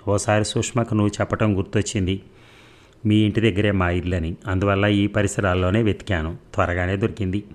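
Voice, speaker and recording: A man reading a gentle old man. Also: on the low side, fairly even intonation, a little fast, natural voice. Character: elderly man, friendly visitor.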